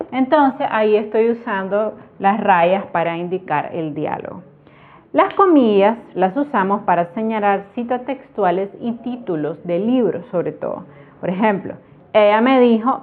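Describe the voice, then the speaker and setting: Woman teaching on a tinny line. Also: mid-range voice. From Nicaragua. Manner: slow, careful explanation with spoken examples. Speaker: Spanish teacher. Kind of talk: online grammar lesson. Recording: tinny phone-like sound.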